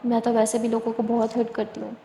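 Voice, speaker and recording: A woman voicing a tough, guarded young woman on the run in a spoken love story, in a soft, plain storytelling manner. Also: on the high side, monotone, vocal fry. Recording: echoey room, long reverb, faint hiss.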